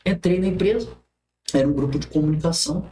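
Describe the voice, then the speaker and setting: A man's voice: fairly high pitch, fast talker, warm tone. A man as a podcast guest, telling a personal story vividly, with restarts and quoted speech. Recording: roomy echo.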